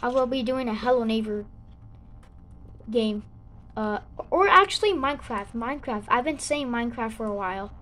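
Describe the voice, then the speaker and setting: A young girl with a sore throat and a slightly high voice hosts a gaming channel, rambling casually through her gameplay commentary. She restarts haltingly and bursts into sudden excitement.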